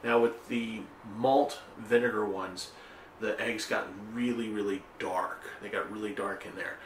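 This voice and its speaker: A middle-aged man hosts a home cooking video in his indoor kitchen, chatting in a rambling way full of ums and restarts while gesturing with his hands. His voice is on the low side, fairly even and a little slow. The camera sits a little way off, so he sounds slightly off-mic in the echoey room, with a bit of hiss or hum.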